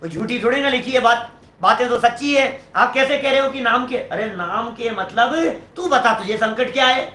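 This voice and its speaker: A man preaching a devotional sermon, lively and constantly questioning his audience. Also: very high-pitched, normal speed, reverberant. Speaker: Jain preacher. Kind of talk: devotional sermon with sung hymn lines.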